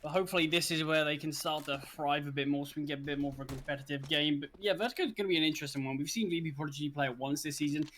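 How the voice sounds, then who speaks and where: A man's voice: fairly high pitch, rapid-fire, few pauses, slight background noise. A man giving casual color commentary on an esports match, correcting himself as he goes. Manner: relaxed, casual, self-correcting. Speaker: esports co-caster.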